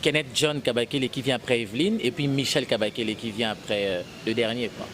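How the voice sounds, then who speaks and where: An actor from Kasai in Congo (DRC) answers interview questions casually, talking fast in a mid-range voice with a Congolese French accent. He mixes French and Lingala, rambling and restarting, against a noisy background.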